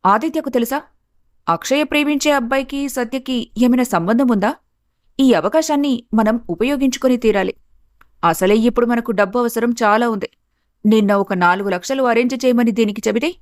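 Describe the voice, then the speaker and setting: A woman voicing a cunning, spiteful young daughter-in-law in an animated story, speaking slyly and lower than her narration. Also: fairly quick, dry recording, studio quality, lightly acted. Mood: scheming. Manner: sly, conspiratorial.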